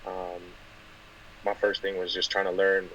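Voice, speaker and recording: A young man from California, a guest football player, talking softly in a casual interview with lots of fillers. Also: sits low, monotone, a little slow, dull audio, slight background noise. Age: 20s. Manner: soft-spoken, many fillers and restarts.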